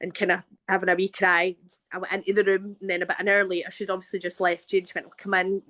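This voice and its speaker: The guest, a Scottish actress from Glasgow in her thirties, spins a story in a casual interview, chatty and often starting over. Her fairly low voice is level and sharp, and she speaks quickly.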